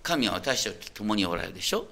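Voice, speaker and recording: A man's voice: fairly low pitch, sing-song, quick pace, vocal fry, bright, forceful tone. A man preaching a sermon as a pastor. He talks in a conversational way, puts questions to the listeners and often checks that they are following.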